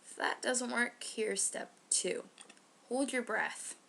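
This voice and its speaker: A woman's voice: fairly high pitch, slow, creaky, a bit bright, slight background noise. A teenage girl chatting casually and giggling as she hosts a home how-to video, with loose slang. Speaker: co-host.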